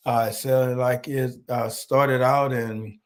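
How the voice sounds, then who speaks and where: Hoarse and slightly nasal from a cold, a male preacher leads an online sermon, speaking slowly and haltingly and welcoming viewers by name. His mid-range voice shows little pitch movement.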